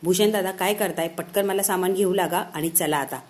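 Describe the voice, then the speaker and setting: A woman's voice: on the low side, moderate pace, natural voice. A woman voicing a carefree young wife in a retold TV serial, coaxing and hurrying the others along. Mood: brisk. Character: cheerful young wife, easygoing.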